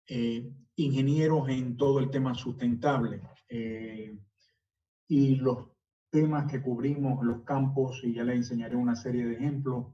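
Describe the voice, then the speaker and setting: Man in his sixties, born in Cuba, presenting slides in a hesitant way; warm tone, muffled far-off audio. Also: medium pitch. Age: 60s. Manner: hesitant, many filler sounds. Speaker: architect giving a talk.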